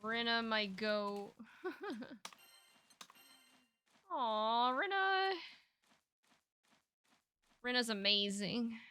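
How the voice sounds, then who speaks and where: A woman's voice: on the high side, a little slow, bright, forceful tone, smooth. A woman streaming a fighting game, chatting casually and reading chat aloud with a laid-back, rambling manner full of fillers.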